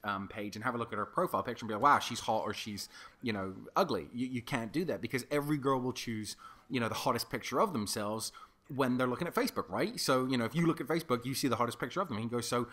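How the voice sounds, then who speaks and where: A man's voice: medium pitch, fast talker, a bit bright. A young man casually telling a long story over gameplay, chatty and swearing freely, with lots of fillers. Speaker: gaming commentator.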